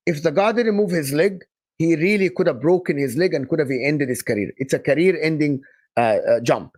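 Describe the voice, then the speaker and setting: A young adult man from Egypt co-hosting a casual football live stream, emphatic and animated, often repeating and restarting his phrases. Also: on the high side, a little fast. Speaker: football channel co-host.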